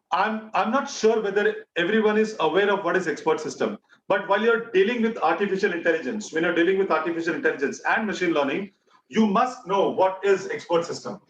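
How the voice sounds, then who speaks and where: Echoey, high-voiced Indian man teaching. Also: a bit bright. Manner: repeats key phrases and questions for emphasis. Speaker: online bootcamp instructor. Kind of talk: interactive lecture to an online class. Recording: echoey, distant mic, faint noise.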